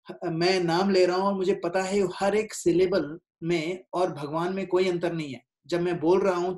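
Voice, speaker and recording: A man's voice: high-pitched, darkish tone. A man giving an informal spiritual class in a conversational way, mixing in English phrases and often checking in with his listeners. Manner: mixes in English words and phrases. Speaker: devotional speaker.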